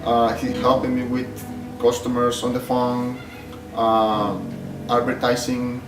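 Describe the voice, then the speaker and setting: A man's voice: medium pitch, completely flat delivery, slow. A middle-aged man from El Salvador, a shop owner answering interview questions in a plain, hesitant way with many fillers. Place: clutch workshop. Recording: roomy sound from a distant mic, music behind.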